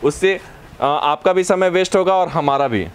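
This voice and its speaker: A young man, a wholesale seller, gives a salesy pitch on a lapel mic in a large warehouse, urging viewers to look at the stock. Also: a little slow, a little hiss or hum. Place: large clothing warehouse indoors. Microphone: clip-on lapel mic.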